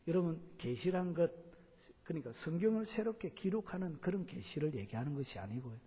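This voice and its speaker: A pastor preaching a sermon, constantly filling with the same filler word and questioning the congregation. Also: male voice, a little high, expressive, brisk, mellow, slightly rough. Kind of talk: sermon teaching. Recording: long church hall reverb.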